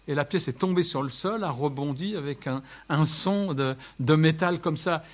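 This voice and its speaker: A man's voice: fairly high pitch, moderate pace. A man preaching a sermon, joking with the congregation and at times crying out lines at full voice. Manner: lively, jokes with the audience, shouts some lines.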